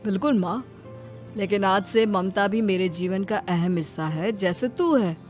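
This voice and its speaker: A woman's voice: mid-range voice, a little slow, a little mellow, natural voice. A woman voicing a dutiful, reasonable son of thirty in a dramatized moral story. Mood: earnest. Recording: music behind the voice.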